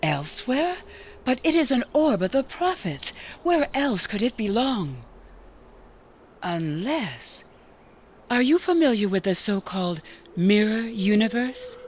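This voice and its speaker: A woman voicing a calm, gracious female cleric in a video game, with formal, solemn and even speech. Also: a little high, a little slow, slight background noise. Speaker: game character.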